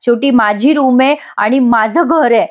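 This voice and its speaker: A woman's voice: a little high, normal speed, lightly acted. A woman voicing a proud, touchy young husband who sulks and defends himself. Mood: sulky. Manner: sulky, defensive.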